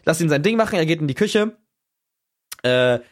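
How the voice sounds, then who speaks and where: A young man co-hosting a podcast, telling a story in casual chat, animated and swearing freely. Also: on the high side, moderate pace, slight background noise. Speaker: podcast co-host.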